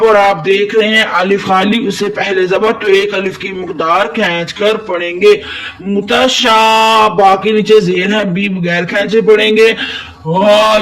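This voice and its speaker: A high-pitched man with a Pakistani Urdu accent teaches Quran recitation, spelling out letters and stretching recited syllables. He speaks slowly and patiently. His voice sounds a little distant from the microphone. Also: a bit bright. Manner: slow, patient explaining, drawn-out recited syllables. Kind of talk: tajweed lesson, spelling out letters.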